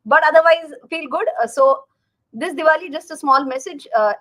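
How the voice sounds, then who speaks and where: Chatty high-voiced Indian woman hosting. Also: normal speed, a bit bright. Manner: chatty, addresses viewers directly, repeats words for emphasis. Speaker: host, finance educator. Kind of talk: casual livestream talk to viewers.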